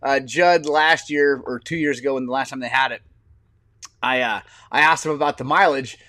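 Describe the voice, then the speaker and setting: A man's voice: medium pitch, moderate pace, pushed and bright, slight background noise. Man in his forties, laughing storyteller. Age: 40s. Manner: rambling storyteller, laughs often. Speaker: podcast co-host. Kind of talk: casual chat.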